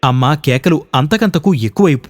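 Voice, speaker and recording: A man's voice: on the high side, animated, moderate pace, lightly acted. A man voicing a troubled young husband who makes a subdued, earnest confession in a radio story reading. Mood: grieving. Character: troubled young husband haunted by mother's death.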